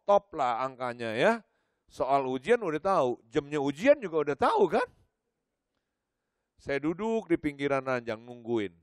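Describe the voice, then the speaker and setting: An older man preaching at a church service, telling personal stories in an animated way and acting out the dialogue. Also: fairly high pitch, dry recording, clean studio sound. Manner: animated storytelling, acts out dialogue. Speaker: pastor. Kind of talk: sermon.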